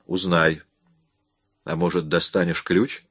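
A hard, impatient young burglar who fires off curt, pressing questions, read by a man. His voice is very deep and sits in a dry, close recording. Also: flat delivery, slow, a bit bright, slightly rough, no echo, heavily acted. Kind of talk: audiobook reading.

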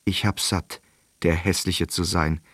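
A man's voice: sits low, little pitch movement, unhurried, fairly bright tone, husky, no echo, clean studio sound, heavily acted. A man voicing a remorseful young servant who pleads and apologizes tearfully. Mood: sobbing.

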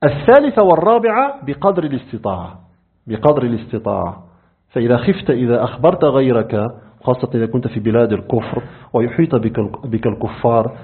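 A man leads a classroom lesson on creed with a husky, breathy voice that swings animatedly in pitch. He keeps firing questions at his students and repeats key points. The sound is thin and phone-like. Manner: quizzes students often, calls them by name. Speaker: religious teacher.

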